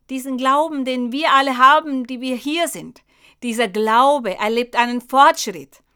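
Female preacher, slightly high and crisp, slow deliberate sermon delivery. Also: bright, forceful tone. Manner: slow, emphatic Bible exposition addressing the congregation. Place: church.

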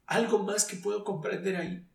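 A man's voice: high-pitched, fairly even intonation, moderate pace, gravelly. Earnest man, echoey and distant. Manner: earnest, searching, restarts with "o sea". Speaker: guest giving a faith testimony. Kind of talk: emotional personal testimony. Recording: echoey room, distant mic.

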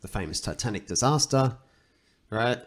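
A man's voice: medium pitch, animated, normal speed, breathy edge. Man rambling through a casual podcast chat. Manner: rambling, thinking aloud, retelling stories. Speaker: podcast co-host.

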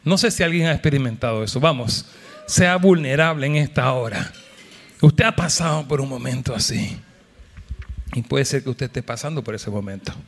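A man's voice: mid-range voice, animated, normal speed. A male pastor preaching a sermon at a church service, calling out to the congregation and acting out the voices of people in the story. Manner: impassioned, calls out to the congregation.

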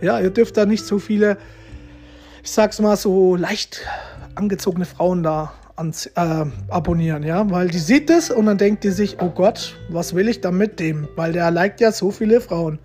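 Over soft background music, a man offers casual relationship advice directly to viewers, chatty and repetitive, ending lines with little tags like "ja?" and "ne?". His voice sits high, slightly mellow, at a moderate pace.

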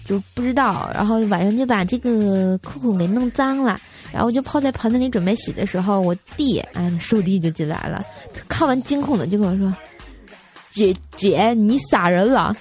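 Chatty young woman from tianjin telling funny stories, giggles a lot, pretty average pitch. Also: fairly quick, a little mellow, soft background music. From Tianjin, China. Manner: chatty, giggly, piles on filler words. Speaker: comedy radio host. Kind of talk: comic storytelling.

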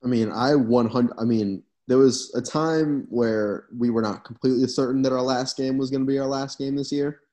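A man's voice: mid-range voice, steady tone, normal speed, few pauses, warm tone. A young man, a college baseball player, casually telling stories on a podcast he hosts. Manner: laid-back storytelling. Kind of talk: casual chat.

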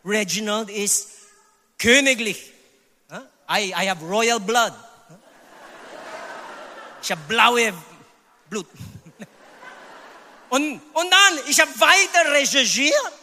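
A man in his fifties from the Philippines with a Filipino accent, preaching a sermon with emphatic, high exclamations. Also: animated, slow, long pauses, sharp tone, in a large hall. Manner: emphatic preaching, sudden high exclamations, sprinkles English phrases. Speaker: pastor.

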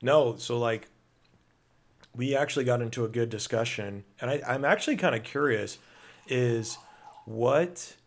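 A man's voice: mid-range voice, a little slow, long pauses. A man co-hosting a casual podcast chat, rambling through stories with lots of fillers while snacking. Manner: rambling, eating while talking. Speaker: podcast co-host.

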